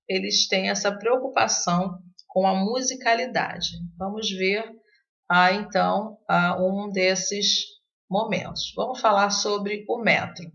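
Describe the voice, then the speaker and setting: A woman teacher talks through a recorded lesson with a gravelly edge to her voice, at a middling pitch. She hesitates often and restarts her sentences. The sound is dull and lo-fi. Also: a bit bright. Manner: hesitant, many fillers and restarts. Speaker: literature teacher.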